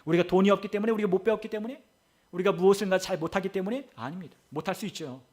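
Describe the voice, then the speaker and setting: A man's voice: high-pitched, very fast, a little mellow. A male pastor preaching a sermon, asking rhetorical questions and repeating phrases for emphasis, recorded in a church. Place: church sanctuary.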